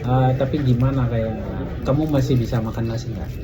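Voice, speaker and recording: A man's voice: mid-range voice, fairly even intonation, fairly quick. West African man speaking Indonesian, noisy recording. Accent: foreigner speaking Indonesian, West African. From Africa, Mali. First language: not Indonesian. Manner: mixes Banyumas Javanese slang and English into Indonesian. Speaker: podcast host. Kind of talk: casual chat interview. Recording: clearly noisy background ambience.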